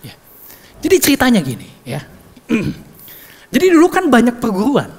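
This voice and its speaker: A woman delivers a sermon in a church hall, and her voice rings with a long reverb. Her pitch sits a little high and swings widely, and there is a husky edge to her tone. She keeps it playful and chatty, tossing rhetorical questions at the room. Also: wildly swooping pitch, normal speed, darkish tone. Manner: playful and conversational, with many rhetorical questions and "ya" check-ins. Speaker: preacher.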